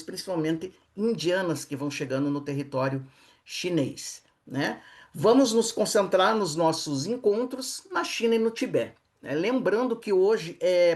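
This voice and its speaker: A tour leader with a Brazilian Portuguese accent walks a travel group through an online slide lecture. The voice sits in a middle pitch, and the delivery is explanatory and unhurried, with tag questions sprinkled through nearly every sentence. Practice words are repeated slowly so listeners can follow along. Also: a little mellow.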